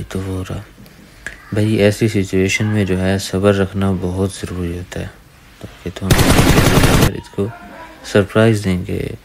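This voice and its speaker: A man's voice: sits low, gravelly, darkish tone, slight background noise. A man giving casual gameplay voice-over commentary, talking to viewers as brothers. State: dry throat from talking. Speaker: gaming YouTuber. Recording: faint gunfire under the voice.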